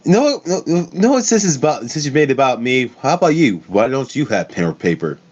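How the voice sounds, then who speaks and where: A man's voice: medium pitch, very animated, a little fast, a little mellow. A man co-hosting a casual stream, joking and swearing playfully. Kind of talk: casual chat. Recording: dull lo-fi mic.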